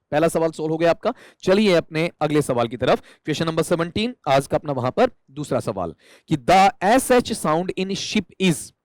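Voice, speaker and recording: A man's voice: fairly high pitch, dry recording. A man teaching an exam-prep English lesson, explaining step by step and asking and answering his own questions. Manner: calls students "beta".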